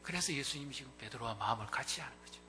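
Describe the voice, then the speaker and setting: A male pastor preaching a Sunday sermon, swinging from loud, rising peaks to hushed, near-whispered passages. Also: mid-range voice, lively intonation, rapid-fire, a little hiss or hum. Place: church sanctuary.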